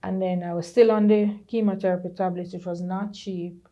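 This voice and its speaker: Jamaican woman, middle-aged, warm low-brightness tone; earnest testimony with vivid patois asides. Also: normal speed, dull audio. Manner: earnest, moves into patois and lively quoted voices. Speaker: podcast creator sharing her story. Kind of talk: personal testimony in conversation.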